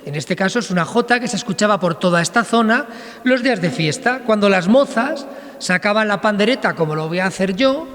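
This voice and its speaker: Man, folk singer addressing a crowd, quick and chatty with lots of fillers, long hall echo. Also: sits high, animated, a bit bright. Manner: rapid, chatty, full of fillers and tag questions. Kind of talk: spoken introduction at a public event. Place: large reverberant hall at a public presentation. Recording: long hall reverb in a large space.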